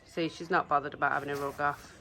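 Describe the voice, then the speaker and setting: A middle-aged British woman with a croaky voice, chatting casually to viewers as a horse-owning vlogger. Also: deep voice, flat delivery, quick pace, sharp tone. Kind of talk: casual vlog chat. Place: in a car, then a stable yard. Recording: handheld vlog with background noise.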